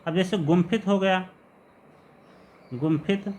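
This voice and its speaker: A man teaching Sanskrit grammar in a patient lesson, repeating each example word slowly. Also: a little high, expressive, a bit bright, a little hiss or hum. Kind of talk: explanatory lesson.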